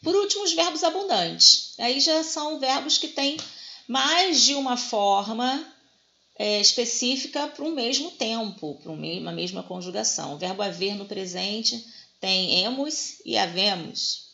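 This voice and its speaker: A Brazilian woman teaches a grammar lesson, walking through each point and checking in with the class as she goes. Her voice has a gravelly fry to it, and the recording sounds dull and lo-fi. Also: fairly high pitch, animated, unhurried, sharp tone. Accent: Brazilian Portuguese. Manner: explanatory, often checks in with "né?" and "tá?".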